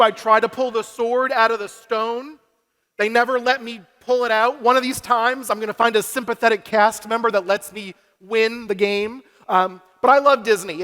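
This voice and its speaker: A young man from Massachusetts gives an upbeat, self-deprecating keynote at a youth conference, working the crowd with energy from a large convention hall stage. His voice sits high with a fairly bright tone. It's heard through a stage microphone and PA, carrying a big-room sound.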